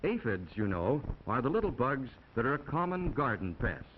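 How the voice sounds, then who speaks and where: With a mid-range voice that swings widely in pitch, an American man speaks at normal speed, narrating a 1950s classroom film. He's folksy and instructive, throwing in chatty asides to young viewers. The old 1950 soundtrack sounds dull and noisy.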